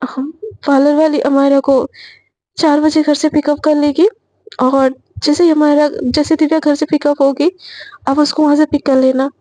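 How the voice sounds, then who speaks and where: A woman voicing a firm middle-aged mother who gives curt, commanding orders in a lowered voice. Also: flat delivery, moderate pace, mellow, dry recording, natural voice.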